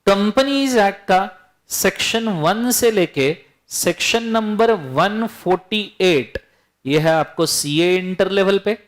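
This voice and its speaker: A man with a notably high voice teaches a classroom full of students. He, and he keeps things lively and teasing, firing questions at the class as he goes. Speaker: law teacher. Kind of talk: classroom lecture.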